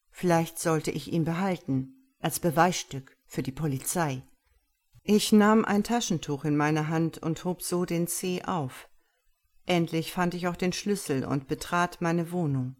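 A woman reading a story aloud in the first person, calm and even. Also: deep voice. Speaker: audiobook narrator. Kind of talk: scripted narration of a story.

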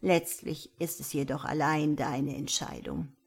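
A woman voicing a kindly old village elder woman who speaks in a calm, solemn way, in a storybook reading. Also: deep voice, unhurried, creaky, breathy edge, pitched below the performer's own voice, full character voice.

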